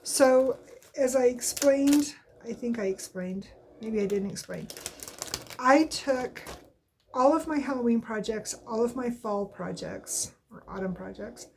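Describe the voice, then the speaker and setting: Slightly high-pitched, unhurried and creaky, this woman's voice comes through with slight background noise. She's a cross-stitch vlogger at home, nose stuffed up from allergies, rambling through a casual weekly craft update and frequently correcting herself.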